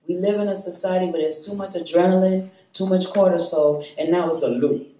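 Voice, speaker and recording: A woman speaking to a live roundtable group, animated and preachy, laughing often and calling out to her audience. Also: on the low side, a little fast. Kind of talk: spirited talk to a live group. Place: meeting room with an audience. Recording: echoey room, voice from far off.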